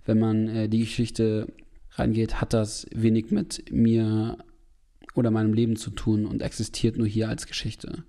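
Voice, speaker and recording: Gravelly, low-voiced male storyteller. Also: completely flat delivery, measured pace. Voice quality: gravelly, dark voice. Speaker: podcast host. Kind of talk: reading his own story, then casual chat.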